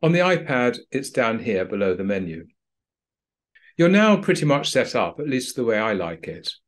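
A man narrating a screen-recorded software tutorial for pilots in a plain, practical, dryly understated way. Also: medium pitch, very animated, moderate pace. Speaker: flight training instructor.

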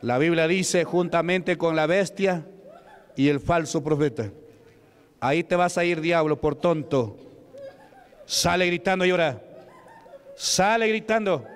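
A man's voice: a little high, measured pace, pauses often, clear, resonant tone. A man from Peru preaching as a deacon, commanding and rebuking at a deliverance service in a church. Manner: commanding, repetitive shouted rebukes. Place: church sanctuary. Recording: echoey church hall.

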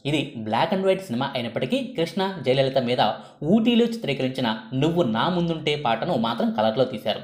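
A male narrator reads a scripted film history with a lively, rising-and-falling pitch. His voice sits at a middle height and rings in a roomy, echoey space. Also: brisk. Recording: echoey room.

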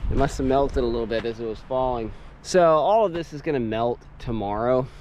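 Out in the snow on a homestead, an easygoing man talks to his action camera fairly quickly, describing his gear as he works and chuckling a lot. His medium-pitched, darkish voice sounds dull, with a little background noise.

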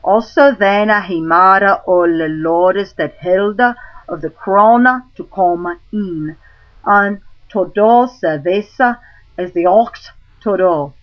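Very slow woman reciting in Middle English pronunciation. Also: fairly low pitch, lo-fi sound. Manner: deliberate, archaic Middle English pronunciation, halting phrase by phrase.

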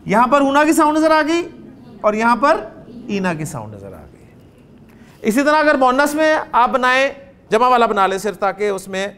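High-voiced Pakistani man teaching grammar. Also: sing-song, a bit bright. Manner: quizzes students, drawn-out phrase by phrase. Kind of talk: classroom lecture.

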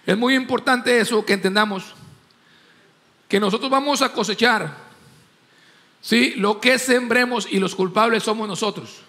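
High, gravelly-voiced pastor preaching in a hall. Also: male voice, moderate pace, pauses often, sharp tone. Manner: emphatic preaching, acts out voices in anecdotes. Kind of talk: sermon. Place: church hall. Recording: long church hall reverb.

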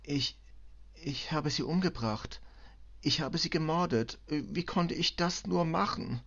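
A man voicing a distraught middle-aged immigrant cleaning woman, who speaks halting, broken German with a Balkan accent through tears. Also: a little high, fairly bright tone, lo-fi sound, voice pushed up, exaggerated voice. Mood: desperate. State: tearful.

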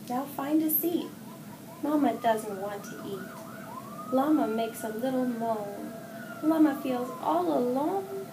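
A middle-aged woman with a high voice reads a picture book aloud to young children, expressive and deliberate. She works as a hospital executive assistant and reads children's stories. The recording comes from an indoor room with wall decorations, with a distant mic, roomy echo and clear background noise.

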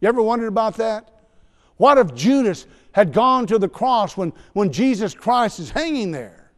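A man's voice: high voice, animated, normal speed. A man preaching a sermon in a church, talking conversationally with asides and light teasing. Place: church sanctuary. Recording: long church hall reverb.

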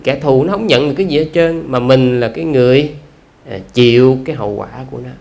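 With a creaky, darkish, mid-range voice, a male Buddhist monk offers a dharma talk in a Southern Vietnamese accent. The tone is conversational, full of rhetorical questions and lingering "à" fillers.

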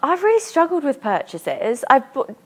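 Young woman, co-presenter, relaxed, rambling, studio chat. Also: high voice, moderate pace. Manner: relaxed, fills with "like" and "um". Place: small studio sofa.

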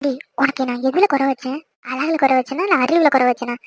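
A scheming middle-aged aunt from an animated cartoon, voiced by a woman, bossy and sharp-tongued. Her voice sits high and she rattles along fast. The sound is close and dry, with no room around it. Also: no room sound, natural voice. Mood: scolding.

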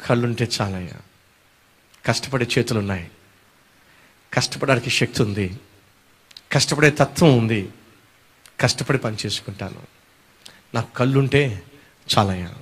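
A man voicing a humble blind man who pleads quietly for his sight. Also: expressive, fast. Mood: pleading. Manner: low, soft, pleading.

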